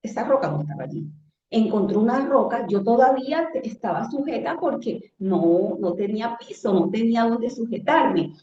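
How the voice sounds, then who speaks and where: A woman giving an emotional personal testimony, animated and acting out her own shouts as she tells it. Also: a little high, moderate pace. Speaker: interviewee sharing a near-death testimony. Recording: echoey room, dull lo-fi sound.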